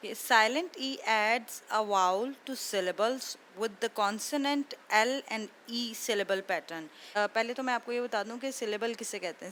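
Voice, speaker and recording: A woman teaching a phonics lesson for children, patiently explaining step by step and slowly sounding out each word. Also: on the high side, a bit bright, slight background noise.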